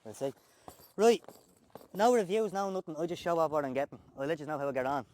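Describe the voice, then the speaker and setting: A man's voice: fairly high pitch, animated, fast talker, a little mellow. An Irish tradesman in a casual unboxing chat, joking and swearing as he talks to the person filming. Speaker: tradesman unboxing work gear.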